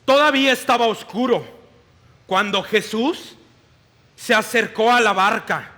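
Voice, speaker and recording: A male pastor giving a sermon in a church hall, reading scripture in a slow, deliberate way. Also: high-pitched, sharp tone. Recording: long reverb of a large hall.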